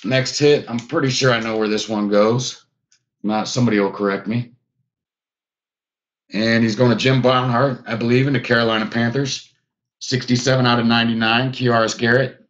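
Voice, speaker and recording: Male live-stream card break host, casual and chatty with viewers, mid-pitched, slightly lo-fi sound. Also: fairly bright tone. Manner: chatty, talks to viewers by name.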